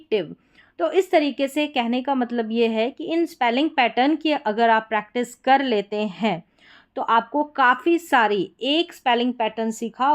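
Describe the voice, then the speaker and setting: A woman teaching English spelling with a slightly high voice. She goes letter by letter, repeats each word slowly, and keeps asking the class what it reads. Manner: patient, repeats words slowly and asks questions back. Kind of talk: explaining spelling lesson.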